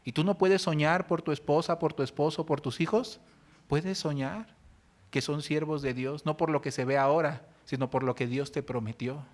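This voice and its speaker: A man with a Mexican Spanish accent preaching a sermon, telling stories and moving between loud outbursts and soft, low speech. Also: fairly even intonation, normal speed. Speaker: pastor. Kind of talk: sermon with storytelling. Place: church.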